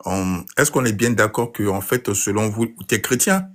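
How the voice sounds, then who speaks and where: Low-voiced man calling into a debate. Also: normal speed. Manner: hesitant with fillers, flares up when interrupted. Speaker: caller in a live debate. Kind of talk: casual live debate.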